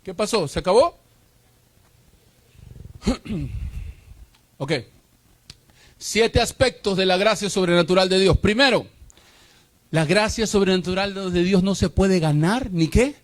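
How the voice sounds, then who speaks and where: A male pastor preaching a sermon with call-and-response and rhetorical questions. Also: a little high.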